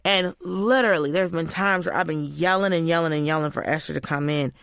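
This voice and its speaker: Woman, casual chat, animated storytelling, bright tone, dry sound. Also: a little fast, creaky, dry recording. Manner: animated storyteller, high squeaky voices for quotes. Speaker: guest.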